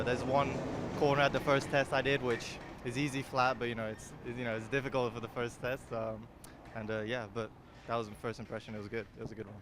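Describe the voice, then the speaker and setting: A man's voice: mid-range voice, background noise. A young man from Singapore, a racing driver, answering interview questions in an easygoing way full of fillers. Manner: easygoing, filler-heavy with many you-knows. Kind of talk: casual interview.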